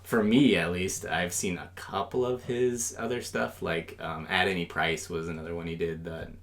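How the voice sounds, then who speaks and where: A young man with a very low voice hosts a casual movie podcast. He rambles loosely, stacking fillers as he thinks aloud. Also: fairly even intonation, moderate pace. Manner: rambling, heavy on "like" and "um". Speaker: podcast co-host.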